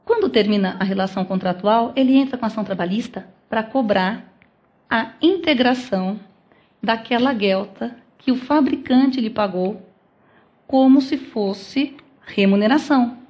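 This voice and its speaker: A woman's voice: fairly high pitch, normal speed, highs cut off. A Brazilian woman giving a law lecture, explaining step by step and posing rhetorical questions to the audience. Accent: Brazilian Portuguese. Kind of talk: academic lecture. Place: lecture hall.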